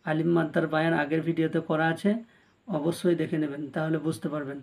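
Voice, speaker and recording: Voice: mid-range voice, flat delivery, fast, vocal fry, darkish tone. A Quran reading teacher giving a spelling-out recitation lesson. The teacher spells each letter and vowel mark, then draws out the joined syllables, and speaks directly to the viewers.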